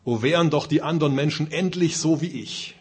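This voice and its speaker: A husky-voiced man giving voice to the self-righteous, grasping voice of the flesh in a sermon, speaking louder and higher than his normal preaching. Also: a little fast. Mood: agitated.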